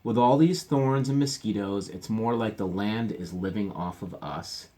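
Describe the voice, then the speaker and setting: A man's voice: a little slow, warm tone, natural voice. A man reading aloud voices an exasperated mother bear in a children's storybook. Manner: shrill, indignant.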